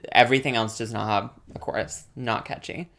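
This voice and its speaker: A woman's voice: a bass voice, steady tone, a bit bright. A woman co-hosting a podcast, chiming in with sarcastic remarks in casual chat. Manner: sarcastic, quick to chime in. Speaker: podcast co-host.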